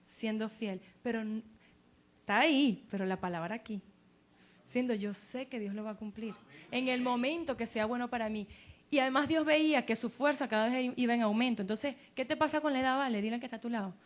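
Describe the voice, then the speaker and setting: A woman pastor preaches a sermon in a high voice. She talks in an animated way and drops her voice low when she acts out people's doubts. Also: fairly quick, a little hiss or hum.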